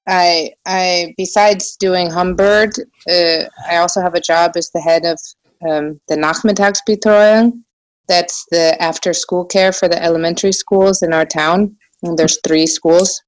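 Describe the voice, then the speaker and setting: An American woman with a slight German accent, chatting casually and haltingly in an interview, often restarting her sentences. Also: lowish voice, poor audio. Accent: American with a slight German influence. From United States. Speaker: podcast guest, small shop owner.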